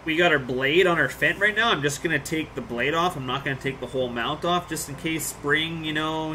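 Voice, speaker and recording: A man's voice: on the high side, pushed and bright. A man, live streaming a farming game and chatting casually with viewers in a rambling, joking way. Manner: laid-back, rambling, joking with chat.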